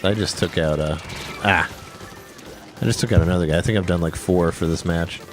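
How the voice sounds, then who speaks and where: A man with a very deep, low-pitched voice banters bluntly with his co-host during a video game session. He swears freely and jokes about his progress in the game. Game music plays faintly behind him. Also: brisk. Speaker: podcast co-host and editor. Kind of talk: casual chat while playing a video game.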